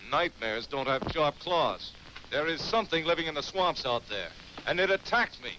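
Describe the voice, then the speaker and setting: An actor playing a desperate ship's doctor, urgent and insistent, in an old film. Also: male voice, fairly high pitch, expressive, moderate pace, noisy background, close to an everyday voice. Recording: dull old VHS tape with film music.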